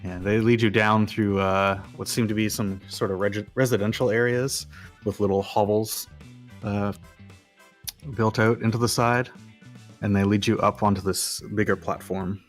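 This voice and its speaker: Low-voiced male dungeon master narrating. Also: fairly even intonation, normal speed, faint music behind. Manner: loose, filler-heavy narration with frequent uh and like. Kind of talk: narrating a tabletop game.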